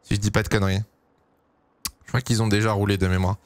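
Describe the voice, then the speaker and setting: A young man giving casual, excitable live commentary on a race for his stream, pleading and cheering as it unfolds. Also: on the low side, fast. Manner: excitable, pleading, swings to shouting at big moments.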